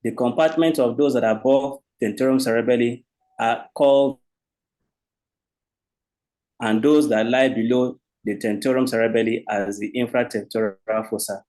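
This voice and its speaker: A man with a Nigerian accent presenting a medical lecture, formal and halting, restarting his sentences. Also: medium pitch, fairly even intonation, darkish tone, poor audio. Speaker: presenting doctor.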